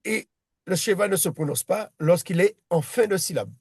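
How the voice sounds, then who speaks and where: A man's voice: high-pitched, animated, moderate pace, husky, no echo, clean studio sound. A man teaching a one-on-one reading lesson, patient and repetitive, often restarting his sentences. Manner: patient, repeats himself, many restarts.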